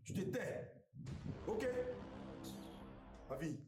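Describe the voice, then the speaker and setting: A stern older father-in-law with an Ivorian French accent speaks firmly. His lively, rather high voice rises and falls as he scolds. The room sounds echoey, with faint music underneath. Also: slow, heavily acted. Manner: firm, scolding, calm fatherly tone.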